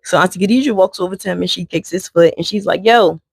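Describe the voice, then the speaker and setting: A woman's voice: lowish voice, fast talker, vocal fry, darkish tone, breathy edge, dry recording. A woman vlogger telling an emotional true story, talking casually to her viewers. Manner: conversational, addresses viewers as y'all.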